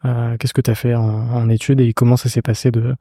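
A man's voice: medium pitch, level tone, brisk, mellow, dry recording, clean studio sound. A man hosting an entrepreneurship interview podcast, friendly and hesitant, with many fillers. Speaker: podcast host.

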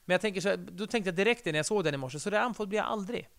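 A man's voice: high-pitched, creaky, a bit bright. A middle-aged man chatting casually on a podcast, rambling and self-deprecating, with casual swearing. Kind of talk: casual conversation.

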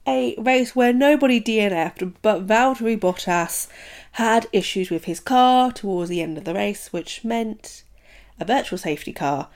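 A woman's voice: fairly high pitch, vocal fry. A young woman from the United Kingdom hosting a casual solo podcast, chatty and full of "um" and "like". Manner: chatty, many fillers like "um" and "like". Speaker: podcast host.

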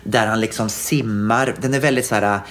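A man co-hosting a casual chat, animated and indignant, quick to agree with his partner. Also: lowish voice. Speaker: podcast co-host.

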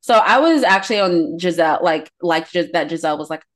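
A young woman with a lowish voice talks bluntly as a podcast co-host. Her chat is casual and offhand, and she swears freely. She keeps a relaxed conversational flow. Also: brisk.

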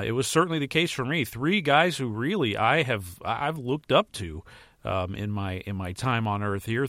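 A movie and TV editor hosts a casual solo podcast while getting over a virus and feeling slightly under the weather. He talks in an informal, rambling, mildly profane way, his mid-range voice a bit bright, with clean studio sound and no echo.

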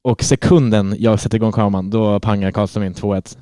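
Guy, low mellow voice, animated storyteller, dry studio sound. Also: clean tone, no room sound. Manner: animated storyteller, swears casually. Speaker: podcast co-host. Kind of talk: casual chat, storytelling.

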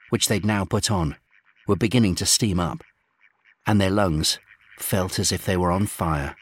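A man reading a children's space adventure aloud in steady, gently dramatic storybook narration. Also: sits low, husky.

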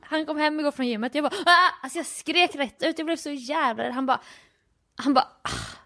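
A young woman co-hosting a casual podcast, telling stories and acting out little exchanges with laughs. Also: high voice. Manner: animated storytelling, acts out little dialogues with laughs. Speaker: podcast co-host. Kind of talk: casual chat.

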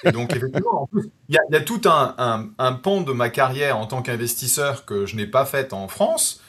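Husky relaxed podcast co-host. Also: male voice, medium pitch, a little fast. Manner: relaxed, self-deprecating, hesitant. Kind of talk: casual tech podcast chat.

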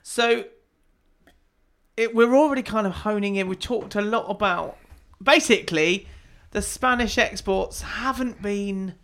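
A podcast host in casual chat, playful and quick to ask questions. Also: medium pitch, fairly bright tone.

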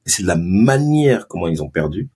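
A man with a Marseille accent, a former pro footballer, telling stories in a lively, animated way during a casual podcast interview. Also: deep voice, brisk, slightly rough. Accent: Marseille French. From Ivory Coast and Marseille. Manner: animated, lively storytelling with many restarts. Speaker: guest, former pro footballer turned sports marketing agency head.

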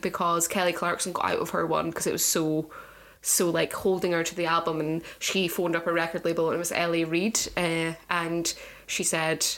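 A woman's voice: fairly low pitch, flat delivery, moderate pace, a bit bright. A woman in casual, teasing podcast banter. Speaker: podcast guest or co-host. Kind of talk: casual chat.

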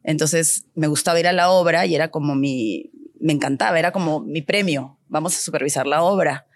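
A woman with a deep voice, speaking a little fast, is a Peruvian architect and designer recounting stories as an interview guest. Her conversational storytelling is animated, and she acts out remembered dialogue.

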